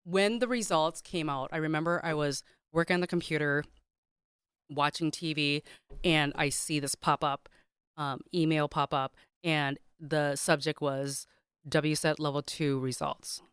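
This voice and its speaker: Low-voiced woman telling a lively story. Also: a little slow, clear, resonant tone, no echo, clean studio sound. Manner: animated storyteller, many fillers and restarts. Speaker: guest, caterer. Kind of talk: casual storytelling on a podcast.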